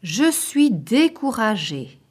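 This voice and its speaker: A woman with a high, lively voice leads a vocabulary lesson. She speaks very slowly, leaving space after each short phrase so listeners can repeat it. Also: husky. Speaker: language teacher. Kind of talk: slow, clearly spoken vocabulary lesson.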